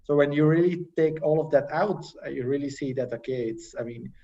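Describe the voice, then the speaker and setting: Halting young man on a muffled video call. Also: fairly high pitch, warm tone. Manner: halting, many fillers and restarts. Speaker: panel guest. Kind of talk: casual conversational sharing. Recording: dull distant video-call audio.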